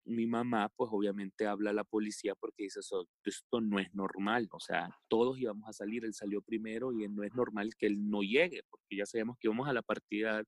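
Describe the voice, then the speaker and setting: A man from El Salvador with a Salvadoran accent, telling a personal story as a podcast guest in a halting way, with many fillers and restarts. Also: lowish voice, steady tone, no room sound, studio quality. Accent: Salvadoran Spanish.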